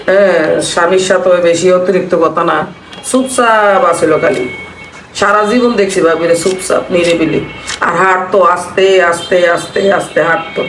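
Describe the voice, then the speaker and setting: A Bangladeshi woman vlogger chats casually while cooking, reminiscing in a repetitive, mournful way. Her voice is fairly low and steady, at a normal speed. The recording sounds roomy and distant, with faint noise.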